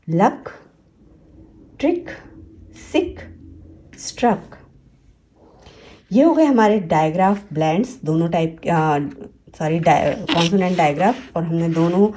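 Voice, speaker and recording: A woman teaching English phonics, slowly and patiently, repeating each example word. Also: mid-range voice, warm tone. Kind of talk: slow explanatory lesson.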